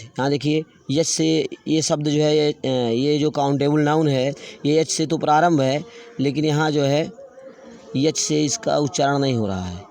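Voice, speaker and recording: A man teaching English grammar, slowly spelling out words letter by letter and repeating them. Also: on the high side, darkish tone. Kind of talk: classroom grammar lesson.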